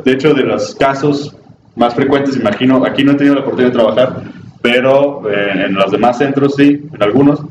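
Mexican man lecturing in a roomy hall. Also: medium pitch. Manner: chatty, asks the audience questions, acts out quoted people. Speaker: psychologist giving a talk. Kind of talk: conversational workshop talk to an audience. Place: room with a live audience. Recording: distant, dull, noisy, roomy recording.

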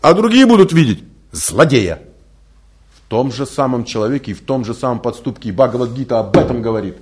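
A man who isn't a native Russian speaker gives a recorded religious lecture on spiritual themes, full of rhetorical questions and lively storytelling. His voice is mid-range and fairly quick.

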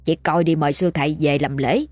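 A woman's voice: low voice, steady tone, brisk, darkish tone, dry recording, soft background music. A woman voicing a gossipy village neighbor. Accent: Southern Vietnamese. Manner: chatty, confiding, gossiping.

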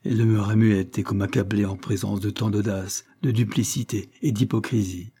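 A man reading a classic novel aloud as narrator, in a measured, even manner. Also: fairly low pitch, breathy edge. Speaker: audiobook narrator. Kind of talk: scripted narration of a 19th-century novel.

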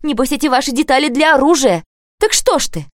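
A woman's voice: mid-range voice, moderate pace, a little mellow, no room sound, studio quality, pitched above the performer's own voice, close to an everyday voice. A woman voicing a sensitive, earnest teenage girl who pleads and argues indignantly in an audiobook.

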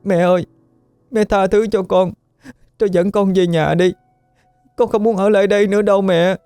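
A man's voice: high voice, steady tone, normal speed, warm tone, clean tone, no echo, faint music behind, voice pushed up. A man voicing a homesick little girl who pleads tearfully with her mother in a ghost story audiobook. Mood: pleading, tearful. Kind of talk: audiobook character voice.

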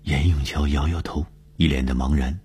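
Deep husky male storyteller. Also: steady tone, normal speed, a little mellow. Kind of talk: spoken storytelling broadcast.

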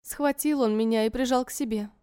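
Smooth-voiced woman narrating a story. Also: on the high side, fairly quick, dark tone, no echo, studio quality. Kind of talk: first-person story narration.

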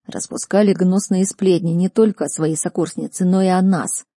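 A woman's voice: lowish voice, steady tone, normal speed, mellow, dry recording, clean studio sound. A woman reading an audiobook, voicing a guarded young male student mage who speaks tersely.

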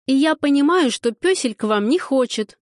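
Женщина-чтец озвучивает упрямую девушку, которая огрызается и возмущается. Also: female voice, high voice, expressive, moderate pace, dry recording, clean studio sound, voice pushed up. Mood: defiant. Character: stubborn young woman, defiant and snappy.

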